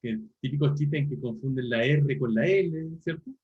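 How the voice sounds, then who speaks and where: A man's voice: medium pitch, normal speed, narrow, tinny audio. A man giving an online university linguistics lecture, explaining step by step with frequent tag questions and self-corrections.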